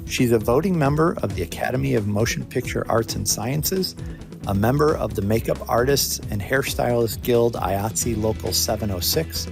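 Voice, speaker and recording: Lively man hosting a podcast, gravelly edge. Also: medium pitch, moderate pace, music in the background. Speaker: podcast host. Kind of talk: podcast interview and scripted intro.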